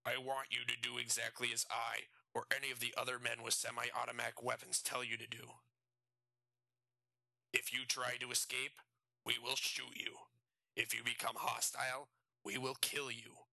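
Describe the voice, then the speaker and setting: A man voicing a stern, threatening male prison guard with a raspy voice, giving cold, clipped orders in an audiobook reading. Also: medium pitch, completely flat delivery, moderate pace, sharp tone, no room sound, full character voice, poor audio. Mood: menacing.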